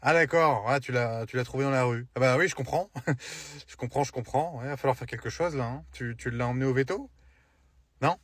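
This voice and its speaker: A man doing a comic sketch monologue with a mocking, deadpan and crude delivery. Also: medium pitch, fairly quick, husky, no room sound. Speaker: comedian.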